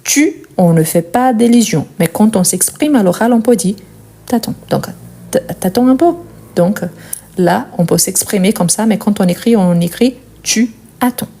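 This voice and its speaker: A woman teaching verb conjugation, repeating each form slowly and clearly and checking in with short questions. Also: medium pitch, warm tone. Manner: checks in with "ok?" and "bien". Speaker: French teacher. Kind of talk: explaining conjugation.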